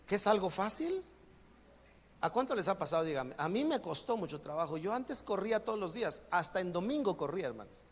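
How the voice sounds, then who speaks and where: A man's voice: high-pitched, sing-song, brisk. A man with a Mexican accent preaching a sermon as pastor, joking and acting out everyday exchanges. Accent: Mexican Spanish. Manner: jokey, acts out everyday exchanges. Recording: long hall reverb.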